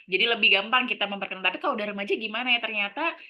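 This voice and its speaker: A woman moderating an online talk, relaxed and filler-heavy. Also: medium pitch, racing. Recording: dull lo-fi call audio.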